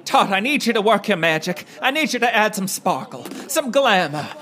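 Speaking at normal speed with a sharp tone, a stage performer with a medium-pitched, very animated voice dramatizes himself in grand theatrical fashion. The comedic mockumentary talk begins in a car in a parking lot and then shifts to a small restaurant.

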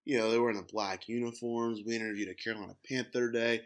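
A man's voice: mid-range voice, fast. A man co-hosting a casual sports podcast, getting fired up and ranting. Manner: animated, gets fired up and rants. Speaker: podcast co-host.

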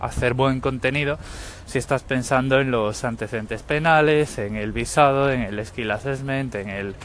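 A man's voice: medium pitch, moderate pace, fairly bright tone, a little hiss or hum. A man speaking casually in an informal voice message.

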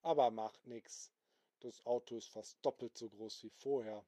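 An indignant car owner in a bedtime story, who startles easily and blurts out his outrage in a dark, unhurried voice, as a man puts him on. The recording is dry and close. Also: mid-range voice, fairly even intonation, no echo, close to an everyday voice. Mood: astonished. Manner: exclaiming, outraged.

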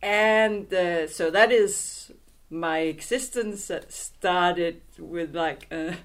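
Slow, thoughtful woman language teacher. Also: fairly low pitch. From Greenland and Denmark. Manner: slow, halting, thoughtful with many restarts. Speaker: Greenlandic language instructor. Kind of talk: casual interview conversation. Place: office in a theatre building.

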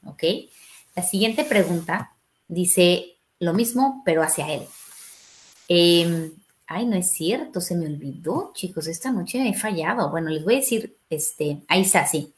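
A woman's voice: lowish voice, expressive, normal speed. A middle-aged woman, a family therapist explaining parenting advice on a podcast and acting out questions parents might ask. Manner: explanatory, acts out parent and child questions in a raised voice.

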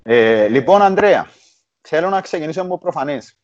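A man's voice: fairly high pitch, animated, no room sound, dull audio. A man with a Greek Cypriot accent hosting a casual, chatty interview. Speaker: interview host. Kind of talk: casual chat.

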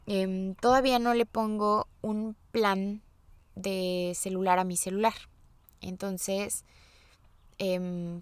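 A woman's voice: mid-range voice, fairly bright tone, dry recording. A young Mexican woman hosting her podcast, talking casually and confidingly about her life and acting out the lines she quotes. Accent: Mexican Spanish. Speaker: podcast host. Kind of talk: casual personal monologue.

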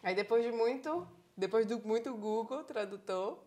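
Thirties woman, Bahian Brazilian accent; animated, encouraging interviewee. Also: a little high, moderate pace. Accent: Bahian Brazilian Portuguese. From Salvador, Bahia, Brazil. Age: 30s. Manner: animated storyteller, acts out quoted dialogue, encouraging. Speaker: interviewee, psychologist living abroad. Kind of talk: casual conversational interview.

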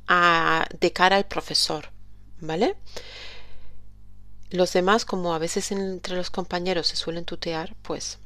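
A woman hosting a podcast language lesson, saying model phrases slowly and carefully and explaining them. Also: fairly low pitch, a bit bright, dry recording. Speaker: language teacher, podcast host.

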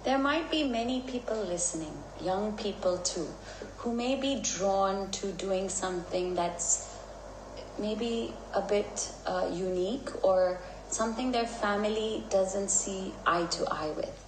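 A woman's voice: mid-range voice, unhurried, a little hiss or hum. A woman hosting a podcast, asking a guest questions in an encouraging way. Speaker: podcast co-host. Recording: roomy sound with music underneath.

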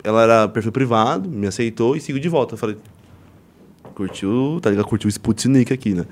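Fast-talking Brazilian man telling stories. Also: medium pitch, darkish tone, slight background noise. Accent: Brazilian Portuguese. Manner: fast slangy storytelling, acts out chat messages. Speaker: podcast host. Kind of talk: casual podcast chat.

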